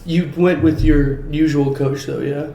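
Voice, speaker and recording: A man's voice: on the high side, steady tone, a little slow, vocal fry, warm tone. A man hosting a casual podcast, easygoing and prompting his guest with short questions. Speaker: podcast host. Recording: echoey room, faint noise.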